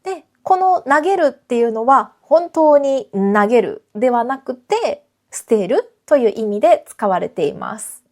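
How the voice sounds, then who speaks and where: A woman teaching her language on a relaxed podcast, explaining points clearly and in a friendly way while glancing at her notes. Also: a little high, measured pace. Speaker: Japanese teacher. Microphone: camera framing, reading notes beside it.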